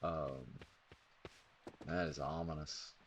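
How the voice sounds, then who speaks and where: A man's voice: extremely low pitch, steady tone, slow, slight background noise. A man streaming a game live, rambling casually and thinking aloud with sudden exclamations. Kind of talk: casual gameplay commentary.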